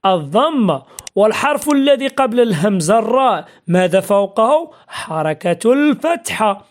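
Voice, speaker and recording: A woman teaching a spelling lesson, patiently asking and answering her own questions and drilling example words slowly. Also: mid-range voice, very animated. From Morocco.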